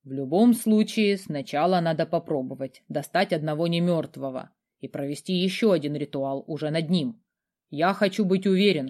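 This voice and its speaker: A woman voicing a calm, self-assured young male necromancer, speaking in a measured way. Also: sits low, natural voice. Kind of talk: audiobook character voice.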